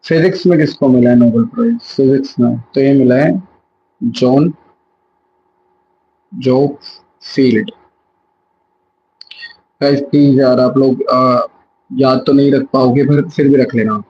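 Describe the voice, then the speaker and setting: A man's voice: mid-range voice, measured pace, pauses often, muffled recording, slight background noise. A young man giving a live revision lesson, chatty and self-correcting, mixing English words into his Hindi. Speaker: exam prep teacher.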